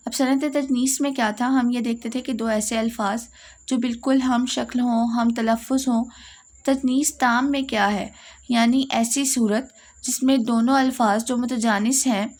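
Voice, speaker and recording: Higher-pitched woman teaching step by step. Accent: Pakistani Urdu. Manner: explains step by step, repeating key points. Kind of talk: Urdu poetics lesson.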